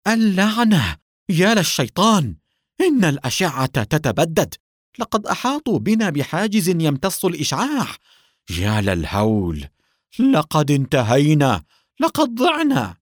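A man voicing a fat male henchman who curses and yells in panic. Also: medium pitch, big pitch swings, normal speed, husky, no room sound, studio quality. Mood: panicked. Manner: frantic, cursing, yelling in fear.

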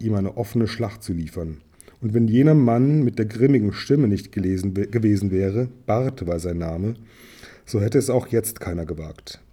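A man reading an audiobook aloud in steady storytelling narration, with small slips now and then. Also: fairly low pitch, slightly rough. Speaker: audiobook reader.

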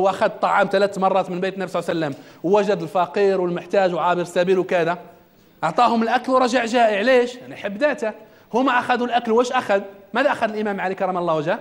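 Male trainer, high voice and brisk delivery, quizzing his class. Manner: asks the audience questions; religious quotations in the talk. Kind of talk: self-development lecture to a class.

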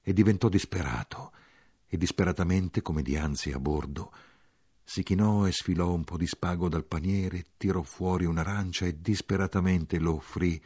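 A man reading a literary novel aloud as an audiobook narrator, measured and expressive. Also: low voice, slightly rough. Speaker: audiobook reader.

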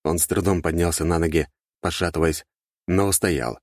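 A man reading a fantasy audiobook in a steady, dramatic way. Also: sits low, moderate pace, no echo, studio quality. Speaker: narrator.

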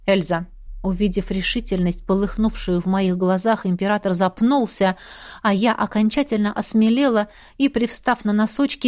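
Woman reading a fantasy audiobook in first person, expressive, kinda high voice. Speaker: audiobook narrator.

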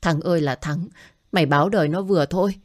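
A woman voicing a furious middle-aged mother who scolds in rapid, shouting bursts. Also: fairly low pitch, dry recording, studio quality, close to an everyday voice.

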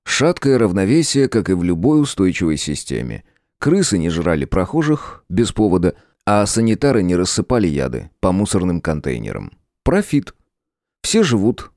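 A man reading a first-person audiobook in a gruff, sardonic storytelling manner. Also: deep voice, darkish tone, no echo, clean studio sound. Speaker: audiobook narrator.

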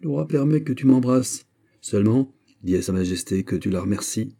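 A man's voice: fairly low pitch, expressive, moderate pace, creaky, warm tone. A man voicing a bold, bantering veteran musketeer in an audiobook, teasing and familiar, voice raised above his narration. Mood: hearty. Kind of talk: audiobook character voice.

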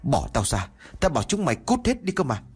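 A man's voice: on the low side, sing-song, a little fast, slightly rough. A man doing a wailing angry male ghost. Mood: furious. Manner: shouting, whining and sobbing. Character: angry possessed ghost of a man, defiant then pleading.

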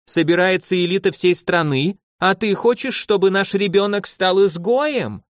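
A man's voice: fairly high pitch, expressive, normal speed, no echo, clean studio sound, lightly acted. A man voicing a domineering noblewoman who scolds her husband, bossy and insistent. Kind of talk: audiobook character voice.

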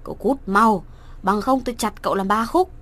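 Woman doing an angry gruff father. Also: fairly high pitch, expressive, normal speed, natural voice. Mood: furious. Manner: shouting, threatening.

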